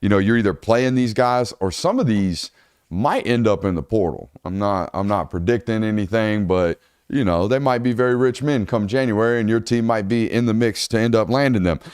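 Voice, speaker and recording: In a lowish, darkish, smooth voice at a moderate pace, the host of a casual college football show rambles loosely and keeps correcting himself. It's laid-back sports podcast chat, with a dry, studio-quality recording.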